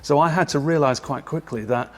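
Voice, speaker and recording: A man hosting a casual podcast chat, playful and quick to laugh. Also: on the high side. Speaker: podcast host, wedding photographer.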